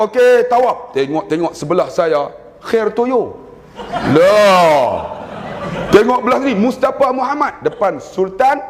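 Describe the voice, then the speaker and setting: Preaching with a Malaysian Malay accent, a fairly high-pitched man brings his stories to life and performs prayers in a raised voice. The recording has a long hall reverb and a bit of hiss or hum.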